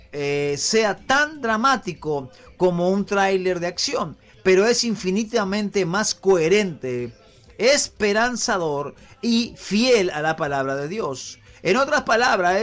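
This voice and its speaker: Preacher guy, high voice, very animated, faint music behind. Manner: preaching with call-and-response prompts to the congregation. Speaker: pastor. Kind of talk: sermon.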